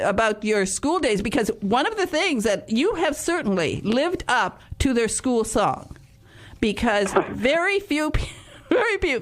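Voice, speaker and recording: Chatty laughing woman radio host. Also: on the high side. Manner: chatty, laughs often, rambling. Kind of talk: casual interview chat.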